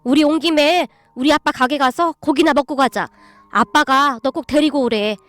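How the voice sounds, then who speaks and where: A woman's voice: sits high, normal speed, faint music behind. Woman reading as a cheerful loyal young secretary. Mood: gleeful. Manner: cheerful, excited.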